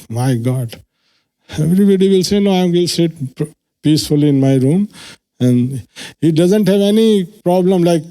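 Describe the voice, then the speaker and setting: A man's voice: a little high, mellow. A man giving an earnest devotional lecture at a temple, explaining scripture and acting out quoted lines. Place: temple hall.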